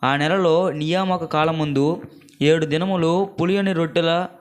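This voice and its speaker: A man in a church reading a scripture passage aloud, quick and steady. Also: fairly high pitch. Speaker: scripture reader.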